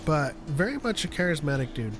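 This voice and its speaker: A man's voice: fairly high pitch, big pitch swings, brisk, music in the background. A man co-hosting a casual live call-in show, chatting loosely with frequent restarts and easy laughter. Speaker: podcast co-host. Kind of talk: casual live-stream chat.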